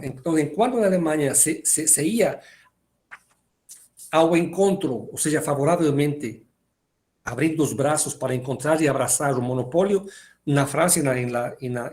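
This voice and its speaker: A man's voice: fairly high pitch, darkish tone. A man giving a philosophy lecture, reading passages aloud and explaining them, often repeating words as he hesitates. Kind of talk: university lecture.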